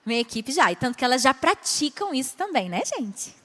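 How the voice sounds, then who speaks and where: A Brazilian woman pastor teaching at a conference, animated, acting out short dialogues and asking the audience questions. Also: sits high, brisk. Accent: Brazilian Portuguese. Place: large conference hall. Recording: long hall reverb.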